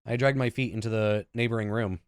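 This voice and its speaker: Seated at his computer indoors with game music playing, a let's player in his thirties reads visual novel narration in an informal way, stumbling now and then and adding offhand remarks. He is a gaming YouTuber with a fairly low, smooth voice, fairly even intonation, and a fairly quick pace.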